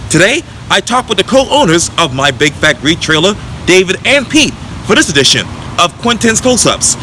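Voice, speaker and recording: A man's voice: sits high, moderate pace, slight background noise. A man hosting a local video interview show, introducing guests and asking questions in an upbeat way. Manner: upbeat, lively intro delivery.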